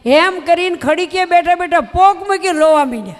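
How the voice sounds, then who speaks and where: A woman's voice: very high voice, fairly quick. Woman, sermon storytelling, folksy, emphatic, long hall reverb. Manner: folksy, emphatic, addresses listeners directly. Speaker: religious storyteller.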